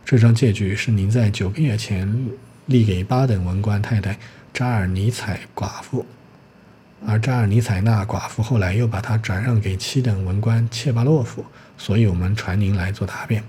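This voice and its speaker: A man reading a storybook's smug male police clerk, who explains legal procedure in a dry, official manner and a low voice. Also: normal speed, warm tone, slight background noise, close to an everyday voice.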